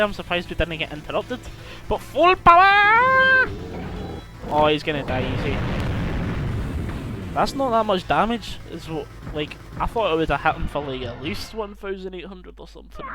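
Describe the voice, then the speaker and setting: A young man rambling and swearing as he commentates on his game playthrough. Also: fairly high pitch. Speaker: let's play host. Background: game music.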